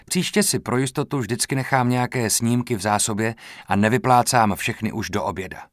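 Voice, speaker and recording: A man's voice: medium pitch, no echo, clean studio sound, lightly acted. A man reading a frank, earnest teenage boy. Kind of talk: audiobook character reading.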